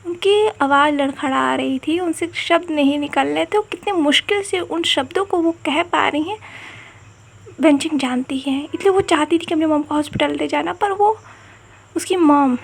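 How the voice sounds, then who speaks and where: High gravelly woman telling a story. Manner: earnest, repetitive, emotional. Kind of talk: emotional story narration.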